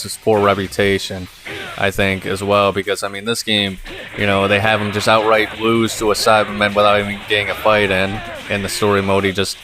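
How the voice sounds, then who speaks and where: Monotone man rambling over gameplay. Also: lowish voice. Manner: monotone, rambling with many fillers. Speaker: gaming channel host. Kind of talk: casual gameplay commentary. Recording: game music playing under the voice.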